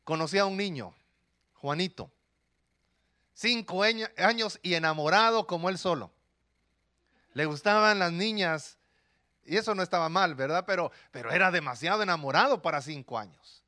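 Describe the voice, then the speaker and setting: A man's voice: sits high, moderate pace, pauses often. A male pastor preaching a sermon, telling stories with rhetorical questions to the congregation. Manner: animated storytelling with rhetorical questions.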